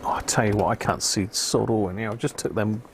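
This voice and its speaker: On his livestream, a British man who fixes radios as a hobby mutters to himself and thinks aloud, commenting casually as he works. He speaks briskly in a lowish, steady voice, with slight background noise.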